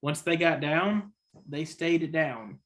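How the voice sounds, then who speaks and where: A man hosts a casual sports podcast with the hiccups, his voice a little high, slow and a bit bright. He rambles, pushes his opinions, and corrects himself often.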